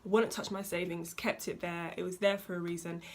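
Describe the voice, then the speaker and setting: A woman's voice: on the low side, flat delivery, brisk, slight background noise. A young woman, giving chatty, emphatic money advice to her viewers with casual slang. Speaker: vlogger. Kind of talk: casual advice talk to camera.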